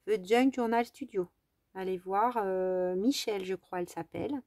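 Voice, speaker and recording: A woman with a French accent talks her viewers through a craft project in a relaxed, chatty way. Her voice has a steady gravelly creak, and she pauses often to think aloud, filling gaps with hesitant fillers. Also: medium pitch, no echo. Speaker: crafting vlogger. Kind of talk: casual craft-along chat.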